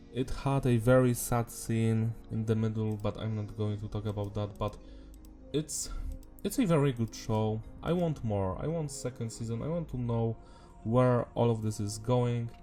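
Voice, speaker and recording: Warm and mid-range, this man's voice carries the unmistakable rasp of a sore, swollen throat. He hosts an anime review video, rambling informally and letting the occasional mild curse slip.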